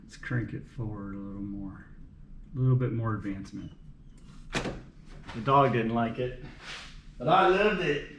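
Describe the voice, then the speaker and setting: In his home garage, a vlogger working on his car keeps up a folksy, playful running commentary to himself. His voice is medium-pitched, unhurried, and broken by frequent pauses. The garage gives a roomy echo, and background noise is clearly audible.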